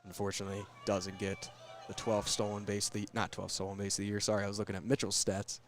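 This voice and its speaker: A man's voice: lowish voice, completely flat delivery, quick pace. Young guy doing baseball play-by-play on college radio, chatty, jokes about himself. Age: young adult. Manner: chatty, self-deprecating joking. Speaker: play-by-play announcer.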